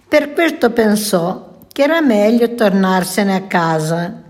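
A woman, a nun, telling a children's story in a slow, gentle, deliberate way. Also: medium pitch.

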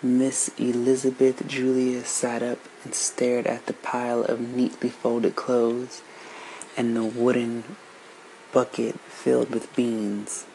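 A man narrates a story aloud, slow and measured. His voice sits in a middling register. A faint hum of background noise runs under the recording. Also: medium pitch, flat delivery, vocal fry, warm tone, poor audio.

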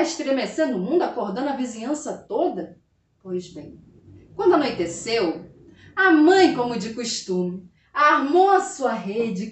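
A woman telling a folk tale dramatically, often turning to address her listeners. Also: high voice. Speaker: storyteller. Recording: roomy, from a distance.

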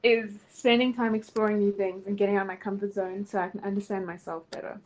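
A young woman, co-hosting a relaxed podcast chat, upbeat and quick to laugh, full of "like". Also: mid-range voice, poor audio. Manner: giggly, upbeat, filler-heavy. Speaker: podcast co-host. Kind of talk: casual chat.

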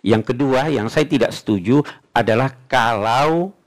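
A man's voice: medium pitch, unhurried. A man preaching an Islamic lecture, retelling stories with rhetorical questions to his listeners. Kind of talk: religious lecture with storytelling.

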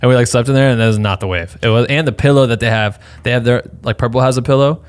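A man's voice: mid-range voice, quick pace, smooth. Slangy young man on a podcast. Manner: slangy, rambling, laughs often. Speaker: podcast host. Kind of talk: casual podcast chat with ad read.

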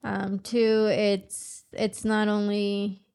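A woman's voice: medium pitch, monotone, drawn-out words, gravelly, darkish tone. A woman in her thirties co-hosting a podcast, chatting casually and animatedly, laughing often and swearing now and then. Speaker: podcast co-host. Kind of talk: casual chat.

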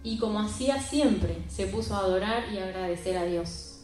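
A woman's voice: medium pitch, normal speed, a little mellow. A woman preaching a sermon and retelling a Bible story in an emphatic, conversational way. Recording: very echoey room with faint music.

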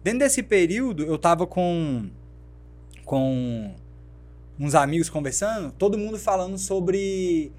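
Lively Brazilian man telling his story. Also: sits high, unhurried. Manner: animated storyteller who acts out quoted dialogue. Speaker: guest, fashion brand founder. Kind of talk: storytelling in a podcast interview.

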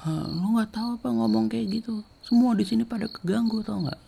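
A man voicing an angry young woman, usually gentle, who shouts and scolds in a shrill voice. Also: brisk, gravelly, slight background noise. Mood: furious.

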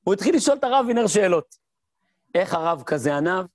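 A rabbi gives a Torah lesson in a voice that sits high for a man. He tells his stories with energy, mimics the sounds in them, and fires off his own questions before he answers them. The recording is close and dry, with no room sound. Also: dry recording. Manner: lively storyteller who mimics sounds and voices. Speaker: rabbi teaching a class.

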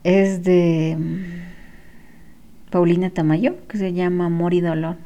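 A woman's voice: fairly low pitch, steady tone, takes it slowly, dark tone. A woman, a spiritual healing therapist, giving casual advice to viewers and repeating phrases for emphasis.

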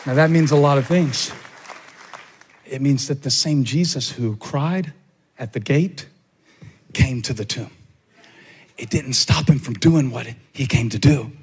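A man preaching a sermon as a pastor, in a rhythmic style that stacks repeated phrases and climbs to shouts. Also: mid-range voice, measured pace, pauses often, breathy edge, a faint crowd.

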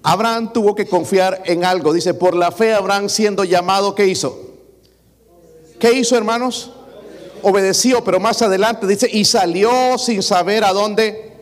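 High-pitched preacher guy firing questions at the congregation, big echoey hall. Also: normal speed. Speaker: pastor. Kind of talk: sermon.

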